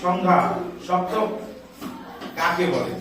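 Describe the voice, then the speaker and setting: A man's voice: sits high, fairly even intonation, slow pace, very echoey, recorded from a distance, a crowd in the background. A man teaching schoolchildren a music lesson, explaining step by step, calling out scale notes and scolding the chatty ones. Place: school classroom.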